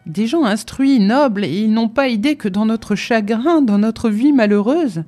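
A woman's voice: on the high side, unhurried, dark tone, faint music behind, pitched above the performer's own voice, natural voice. A woman voicing a tearful, put-upon female house cook who complains plaintively. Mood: aggrieved.

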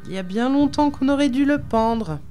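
A fat old royal counselor who frets and squeals, pitching his cries high and loud over a faint music bed, as a woman acts him out. A man of words rather than deeds, always in a flutter. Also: expressive, moderate pace. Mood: fretful. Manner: shrill, fretful exclamations. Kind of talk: audiobook character voice.

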